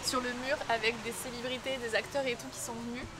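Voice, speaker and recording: A woman's voice: on the high side, little pitch movement, fast, very noisy. A young French woman vlogging casually, chatty and enthusiastic, gushing about food and outfits. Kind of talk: casual travel vlog narration. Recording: music playing behind the voice.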